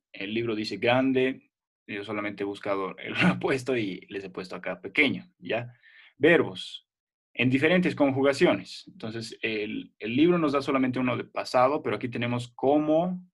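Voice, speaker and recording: A male schoolteacher walks pupils through a grammar lesson over a video call. His voice sits at an ordinary middle pitch. He explains patiently, step by step, and keeps checking in with short questions. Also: fairly bright tone. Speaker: primary school language teacher. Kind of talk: online class explanation.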